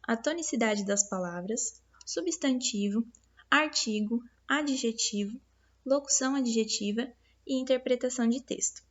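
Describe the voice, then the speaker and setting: A woman's voice: fairly high pitch, measured pace, lo-fi sound. A woman teacher with a Brazilian Portuguese accent, patiently explaining a lesson review to her pupils step by step, with many fillers and tag questions. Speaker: primary school teacher.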